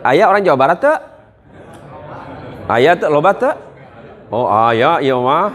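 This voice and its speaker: A man's voice: on the high side, very animated, a little slow, a bit bright. A male Islamic preacher giving a humorous religious lecture to a gathering in a large hall, bantering and joking with the audience. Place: large hall at a police headquarters.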